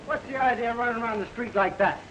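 High-voiced no-nonsense screwball comedy cop. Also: male voice, fast, a bit bright, lo-fi sound. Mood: brisk, commanding. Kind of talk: 1940s screwball comedy film acting. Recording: echoey, noisy old 1940s film soundtrack.

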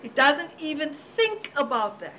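A woman panelist giving measured, thoughtful answers in a roundtable discussion. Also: high-pitched, big pitch swings, sharp tone. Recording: faint background noise.

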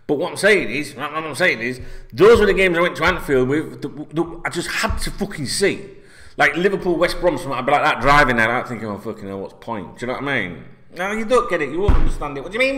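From a red chair in a small indoor room, a North Yorkshire football vlogger in his forties gives a casual opinion rant to camera in his Yorkshire accent, his voice sitting high. He's blunt, animated, and sweary, forever checking in with "right?"

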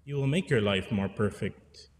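This is a fairly low-pitched man in his forties, a priest, preaching at a moderate pace into a stand mic at the pulpit. His sermon is earnest and pastoral, with repeated phrases for emphasis, and the church sanctuary adds big-room sound plus slight background noise.

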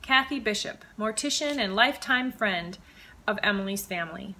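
A woman author reading her own mystery novel aloud with measured, expressive storytelling. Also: mid-range voice, slight background noise, poor audio. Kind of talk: audiobook-style reading of fiction.

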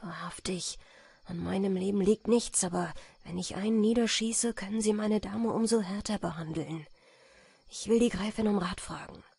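A woman voicing a bold young male huntsman who shouts loud, commanding threats. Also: high-pitched, moderate pace, creaky, husky, no echo, heavily acted. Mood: tense whisper.

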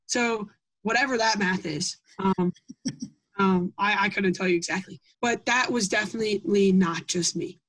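A young Iowa woman being interviewed as a Gold Award scout describes her project a little slowly in a medium-pitched, somewhat bright voice. She speaks earnestly, often pausing with um and restarting, on a rough recording.

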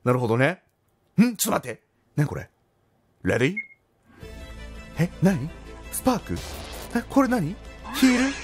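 A man commentating a video game in an excitable, loud, teasing way. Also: sits high, normal speed, pauses often. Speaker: let's play commentator. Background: loud game music.

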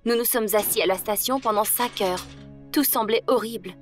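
A woman's voice: on the high side, normal speed, soft background music. A woman narrating a first-person story in an emotional, dramatic way. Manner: dramatic, emotional delivery that rises in tense moments.

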